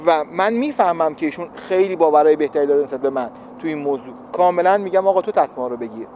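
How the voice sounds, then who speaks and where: High-voiced man calmly explaining. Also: muffled recording, slight background noise. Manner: reflective, explanatory, repeats for emphasis. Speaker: husband explaining relationship advice. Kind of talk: casual talk to viewers.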